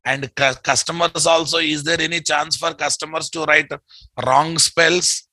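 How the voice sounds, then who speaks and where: A middle-aged programming instructor with a Telugu accent teaches a live online coding lesson from an indoor room at his computer, repeating phrases and prompting students with familiar questions. His voice is fairly high, level, bright, and forceful, at a measured pace, with no room sound.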